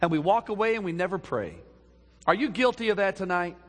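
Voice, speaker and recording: A man preaching a sermon as pastor, swinging from soft low passages up to loud emphatic peaks. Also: a little fast, long reverb tail.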